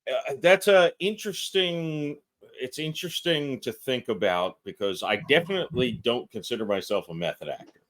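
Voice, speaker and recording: A man's voice: mid-range voice, expressive, normal speed, fairly bright tone. A man guesting on a podcast as an actor and filmmaker, talking casually and self-deprecatingly, laughing often. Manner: fidgety.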